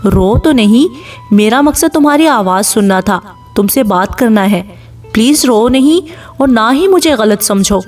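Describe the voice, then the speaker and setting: A woman voicing a persistent young man on the phone who talks in a calm, coaxing way. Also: on the high side, far from the mic, soft background music, natural voice. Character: persistent young man caller, smooth and insistent.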